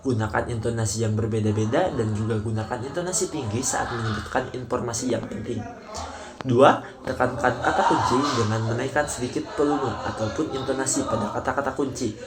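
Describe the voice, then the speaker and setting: A man's voice: mid-range voice, brisk, loud music behind the voice. A young man student presenting a training module, explaining numbered points in a casual tone. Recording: crowd noise in the background.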